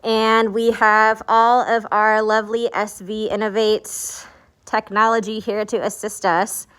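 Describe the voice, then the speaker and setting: A woman's voice: mid-range voice, level tone, unhurried, fairly bright tone, clean tone. A woman teacher speaking through a face mask, giving an upbeat, informal welcome presentation to families in a classroom. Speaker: high school English teacher. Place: school classroom.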